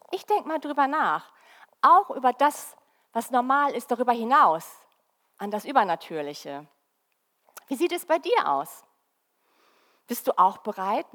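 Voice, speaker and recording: Lively woman preaching in a reverberant hall. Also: fairly high pitch. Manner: lively, addresses listeners directly with questions. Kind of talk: Christmas sermon.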